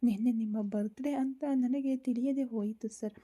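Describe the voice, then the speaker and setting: A woman voicing a tearful young wife apologizing to her husband over the phone, in a soft breathy voice. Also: a little high, fairly even intonation, normal speed. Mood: pleading. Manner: pleading, soft breathy delivery.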